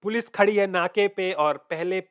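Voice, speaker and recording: Echoing lines back to himself as he thinks out loud, a man reacts to music in a relaxed mix of Hindi and English. His voice is high-pitched and smooth, and he talks a little slowly.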